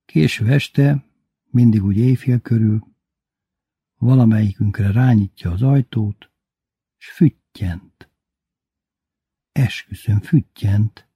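Very husky, dark-voiced male narrator. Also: lowish voice, long pauses, dry recording, studio quality. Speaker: audiobook reader. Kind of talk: scripted first-person narration.

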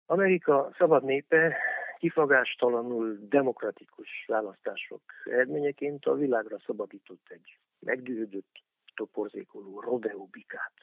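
A man's voice: medium pitch, dry recording, narrow, tinny audio. A man giving political radio commentary in a sarcastic, mocking tone.

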